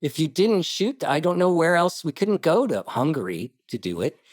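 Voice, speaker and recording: Man, interview guest, animated storyteller, slightly high voice, dry sound. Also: no room sound. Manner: animated storyteller, quick asides and restarts. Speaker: writer-director guest. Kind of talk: casual interview talk.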